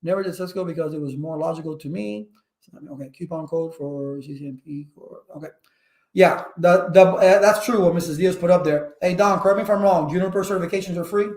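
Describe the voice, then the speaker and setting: Male host, high voice, energetic, rambling chat, echoey room. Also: brisk. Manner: energetic, rambling, with many fillers and restarts. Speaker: channel host. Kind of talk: casual livestream talk.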